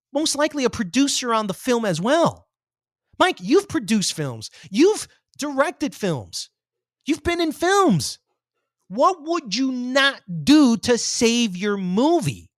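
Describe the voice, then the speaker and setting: A man's voice: extremely high pitch, big pitch swings, slow, no room sound, studio quality. A man co-hosting a podcast, arguing his point emphatically in a heated, casual debate. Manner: argumentative, emphatic, swears. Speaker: podcast co-host.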